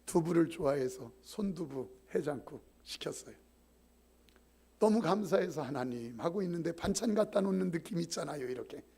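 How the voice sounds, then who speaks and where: Casting: male preacher, animated storyteller, high voice, husky and rough. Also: moderate pace. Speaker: pastor. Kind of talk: sermon. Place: church sanctuary.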